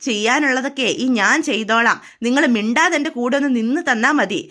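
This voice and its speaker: A sharp-tongued, scheming mother barks orders at her husband, nagging and bossy, as a woman puts her on in her own high voice. The telling is an everyday storytelling voice with no big character acting. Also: fairly quick. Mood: scolding.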